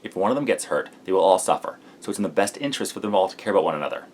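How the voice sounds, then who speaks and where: A man with a low voice speaks at a quick clip, sleep deprived, as he delivers a scripted explainer for his vlog. A faint layer of noise sits behind him. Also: lively intonation. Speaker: vlogger.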